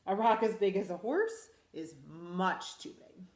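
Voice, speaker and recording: Woman principal, children's story read-aloud, animated and expressive, echoey room. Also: medium pitch, a little slow. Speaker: school principal reading aloud.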